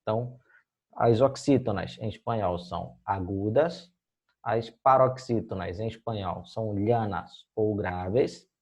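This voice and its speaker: In a recorded video lesson, this Brazilian man patiently explains Spanish, closing nearly every phrase with "tá?" or "beleza, gente?" to check in with his students. He speaks a little slowly in a lowish, darkish, slightly rough voice.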